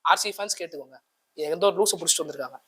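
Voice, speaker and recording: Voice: medium pitch, very fast, slightly rough. Exasperated fan scolding an interviewer. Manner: exasperated, scolding, often shouting back. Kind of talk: heated street interview banter.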